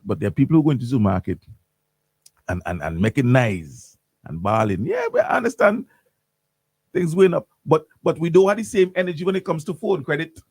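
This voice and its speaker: A man's voice: mid-range voice, sing-song, fast, a little mellow, dry recording. A man hosting morning radio talk, ranting animatedly with lots of repeats and restarts in a studio. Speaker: radio host.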